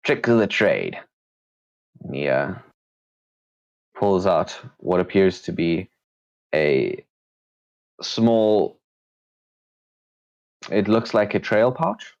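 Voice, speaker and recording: A man with a low voice narrates a tabletop game as game master. He describes scenes off the cuff. The recording is a little muffled. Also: animated, extremely slow, pauses often, darkish tone.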